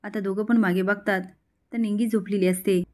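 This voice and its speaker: A woman narrating a story in a steady retelling voice. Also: mid-range voice, normal speed.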